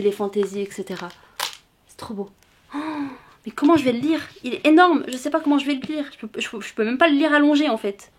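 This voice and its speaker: A booktuber from France chats casually through a book haul vlog, gushing and exclaiming often, with many fillers and restarts. Her voice is fairly high, and a little hiss or hum runs under the recording.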